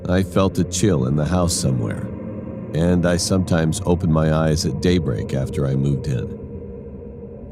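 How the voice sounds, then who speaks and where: Very deep-voiced male story narrator. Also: warm tone, a little hiss or hum. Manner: plain, matter-of-fact telling. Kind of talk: scripted scary story narration.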